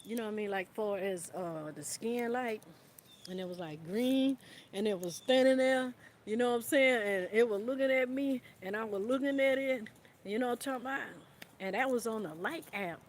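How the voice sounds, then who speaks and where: A woman's voice: on the high side, normal speed. A woman talking casually on a livestream outdoors in the wind, rambling and repeating "you know what I'm saying" while calling listeners "baby". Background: light wind.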